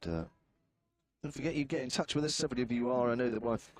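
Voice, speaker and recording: A man with a southern English accent and a mid-range voice talks fast while doing live cricket commentary from an outdoor commentary position at a ground, a crowd audible behind him. He's chatty, wry and self-deprecating.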